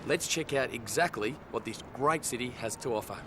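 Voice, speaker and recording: Here an enthusiastic Australian presenter hosts a travel documentary for his viewers, his mid-range voice moving a little fast. The upbeat delivery alternates between to-camera pieces and scripted narration, recorded with noisy outdoor location sound.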